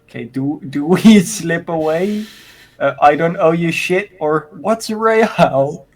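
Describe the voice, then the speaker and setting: A man's voice: fairly high pitch, slow pace, darkish tone. A man giving casual commentary while playing a game, hesitant and giggly as he muses over choices. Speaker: let's-play player.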